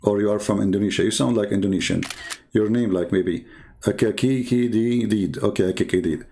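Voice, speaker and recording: He has a somewhat low, gravelly yet mellow voice and keeps to a moderate pace. A native Arabic speaker with a matching accent, he runs a live stream, reading religious texts out loud while poking at them with sarcastic commentary.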